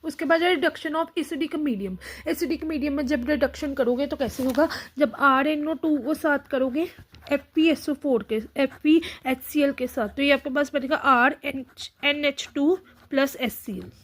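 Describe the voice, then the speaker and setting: A woman tutor giving a casual online chemistry lesson, reading lines slowly and repeating each step. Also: high voice. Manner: reads textbook lines slowly, repeats steps, many fillers.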